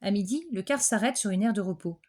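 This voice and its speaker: A woman reading a children's picture book aloud in a clear, gentle storytelling manner. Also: medium pitch, fast. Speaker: storybook reader.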